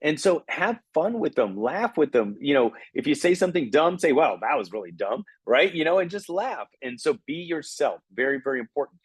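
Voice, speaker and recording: A middle-aged man giving an energetic coaching talk on recruiting, often checking in with "okay?". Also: on the high side, a little fast, few pauses, husky, no echo. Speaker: recruiting trainer. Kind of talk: motivational training talk.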